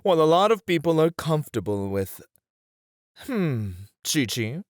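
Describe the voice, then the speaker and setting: In a scripted ASMR roleplay, a performer plays a poised, playful etiquette tutor, using refined, deliberate phrasing with a playful, instructive mood. The voice is mid-range and very animated, recorded dry with studio quality.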